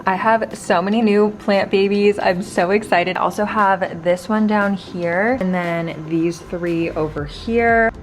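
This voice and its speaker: A woman's voice: medium pitch, fairly even intonation, measured pace, hardly any pauses. A woman talking in a chatty, informal way, like a lifestyle vlogger sharing her day and tips. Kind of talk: casual vlog chat and tips to camera. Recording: music behind the voice. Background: background music.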